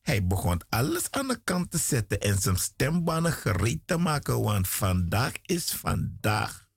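A man preaching a radio sermon, slow and emphatic, with dramatic swings and repeated phrases. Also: medium pitch, sing-song, vocal fry, slightly rough, no room sound, studio quality. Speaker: guest preacher.

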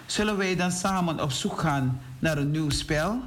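A man voicing a kind, watchful father in a children's story, speaking gently and calmly. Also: fairly high pitch, a little slow. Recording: faint hiss on radio recording.

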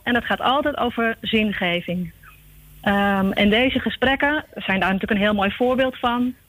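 A woman heard over a telephone line, a guest explaining her group's work in a calm way with frequent pauses. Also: medium pitch, no room sound. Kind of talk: radio phone-in interview.

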